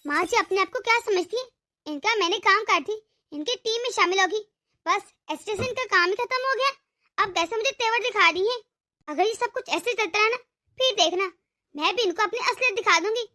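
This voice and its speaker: A cunning young daughter-in-law from a family cartoon, voiced by a woman, with a very high, bright voice. She taunts and threatens her in-laws in a sharp, scheming way. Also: brisk. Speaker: voice actor.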